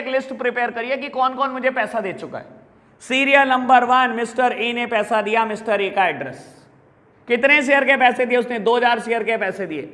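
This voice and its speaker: A middle-aged man with an Indian accent teaching a business studies class in a lecture style, mixing Hindi and English and slowly repeating key terms for his students. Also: high-pitched, sharp tone. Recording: echoey room with long reverb.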